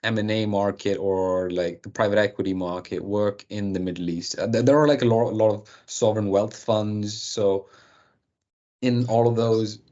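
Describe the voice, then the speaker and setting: A man's voice: fairly low pitch, fairly even intonation, normal speed, darkish tone, muffled recording. A young adult man hosting an interview, asking questions with many fillers and restarts. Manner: hesitant, filler-heavy questions. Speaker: host.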